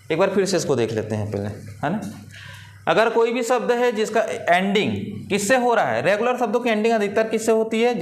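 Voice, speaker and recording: Man, high voice, grammar teacher, asks and answers his own questions, faint background noise. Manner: asks the class questions, then answers them himself. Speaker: English teacher. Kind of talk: classroom-style grammar lesson.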